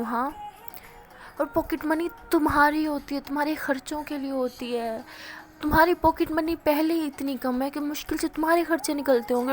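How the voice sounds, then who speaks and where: A woman reading as a gentle coaxing mother. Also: high voice, close to an everyday voice. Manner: soft coaxing reassurance. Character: gentle caring middle-aged mother.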